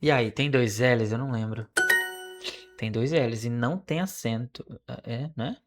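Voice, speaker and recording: A Brazilian Portuguese speaking man studying French aloud, repeating phrases slowly and correcting himself as he goes. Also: mid-range voice, very noisy. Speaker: language learner streaming his study. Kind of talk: casual study vlog, thinking aloud.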